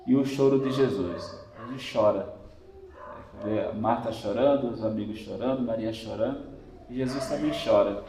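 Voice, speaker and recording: Brazilian priest preaching in echoey church. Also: male voice, on the low side, normal speed, warm tone, recorded from a distance, a little hiss or hum. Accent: Brazilian Portuguese. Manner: emphatic, repetitive exhortation addressing listeners directly. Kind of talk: Sunday homily.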